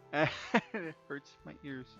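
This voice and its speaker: A young man takes it slowly in a fairly high voice that sounds creaky, pushed and bright. He's doing casual let's play commentary, reading game text aloud and stumbling over repeated words, recorded on a dull lo-fi mic over game music.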